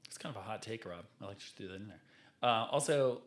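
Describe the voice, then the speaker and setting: A man's voice: lowish voice, quick pace. A man hosting a podcast in casual chat, easygoing and joking. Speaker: podcast host. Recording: roomy podcast audio.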